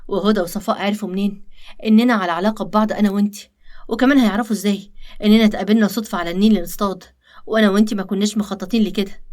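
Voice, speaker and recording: A woman with an Egyptian accent voicing a stern young businessman who scolds curtly, in an animated story. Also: medium pitch, rapid-fire, close to an everyday voice. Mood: irritated. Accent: Egyptian Arabic. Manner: curt, scolding.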